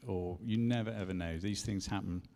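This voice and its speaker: A man from England teaches at a church conference in a relaxed, rambling way, full of asides and jokes at his own expense. His voice is low and gravelly, and a long hall reverb trails after his words. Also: brisk. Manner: chatty, self-deprecating, full of asides. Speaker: conference speaker.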